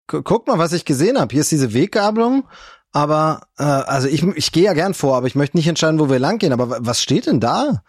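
A man's voice: on the high side, sing-song, fast talker, slightly rough, no echo, studio quality. A man playing a tabletop role-play game, talking in a hesitant, rambling way with restarts. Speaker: player.

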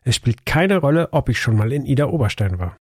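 A man's voice: mid-range voice, expressive, a little fast, dry recording, lightly acted. A man voicing a bearded male anti-genie in a top hat who lists his demands in a dry, matter-of-fact way. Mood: deadpan. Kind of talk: improvised tabletop role-play.

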